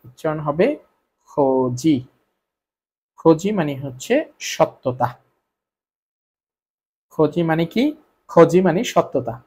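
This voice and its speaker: A man's voice: fairly high pitch, darkish tone, slightly rough. A Bengali-speaking man teaching Korean spelling rules, repeating each point and answering his own questions. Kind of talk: explaining grammar rules to students.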